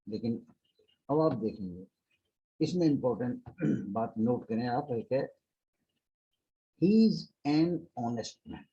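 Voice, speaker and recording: Slow, dark-voiced older Indian teacher. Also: male voice, mid-range voice, breathy edge, muffled recording. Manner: slow, explanatory, repeats example sentences with drawn-out emphasis. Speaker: English grammar teacher. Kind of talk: classroom lesson.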